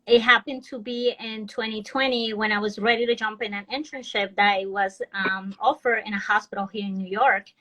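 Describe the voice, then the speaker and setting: A woman's voice: medium pitch, steady tone, normal speed, hardly any pauses, bright, forceful tone, rough recording. A woman from Ecuador, a financial advisor, speaking earnestly as a guest on a video call and often restarting her sentences. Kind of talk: casual live-stream interview.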